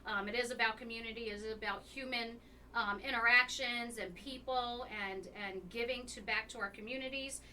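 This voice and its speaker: A woman's voice: fairly high pitch, fairly even intonation, brisk, bright, forceful tone. A woman hosting a live radio talk show, upbeat and welcoming, with many fillers. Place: radio station studio. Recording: distant mic, faint noise.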